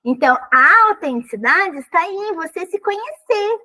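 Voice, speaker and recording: A woman with a thin, high voice talks in a relaxed, conversational way as a podcast guest. She is animated and expressive, and she jumps into small acted-out quotes. Her pitch sits well above most women's. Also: moderate pace, poor audio. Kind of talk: casual conversational advice.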